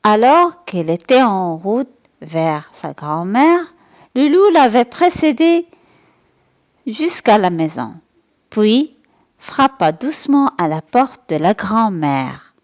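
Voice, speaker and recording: A woman reading a children's story aloud in an animated, sing-song manner. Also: medium pitch, slow.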